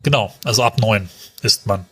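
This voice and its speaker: A man's voice: on the low side, normal speed, fairly bright tone, breathy edge. A man chatting casually as a podcast co-host in a colloquial, rambling way. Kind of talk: casual chat.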